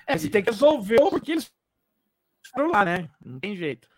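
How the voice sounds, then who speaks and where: A man's voice: high voice, sing-song, fairly quick, husky, no echo. A man joining a casual movie-review podcast over an internet call whose audio stutters and breaks up. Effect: choppy, stuttering call audio that breaks up. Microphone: video or internet call.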